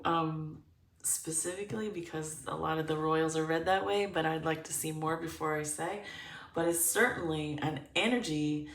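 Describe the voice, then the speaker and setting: Low slow woman giving a tarot reading. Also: distant mic. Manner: thinking aloud, searching for words, upbeat. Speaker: tarot reader. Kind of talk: pick-a-card tarot reading. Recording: roomy, voice away from the mic.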